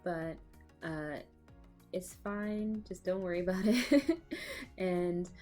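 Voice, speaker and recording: Talking over her own speed-paint video, a woman with a cold chats casually, with fillers and small laughs, into her laptop microphone at home. Her voice is lowish and a little mellow, slow-paced, over faint music.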